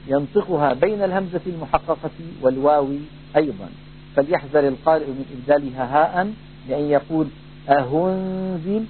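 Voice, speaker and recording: A man teaching a Quran recitation lesson, explaining rules in a measured way and slowly drawing out recited examples. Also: on the high side. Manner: measured, drawn-out demonstrations of recited words. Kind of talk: tajwid lesson with demonstrated recitation. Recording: tinny phone-like band, faint hum.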